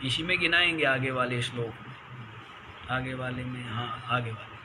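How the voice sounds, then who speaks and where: A man's voice: medium pitch, normal speed, background noise. A man, a swami, giving a spiritual discourse on scripture. He chants Sanskrit verses and keeps asking his listeners questions. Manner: asks the listeners rhetorical questions; scolding, mocking tone. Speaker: swami teaching the Gita.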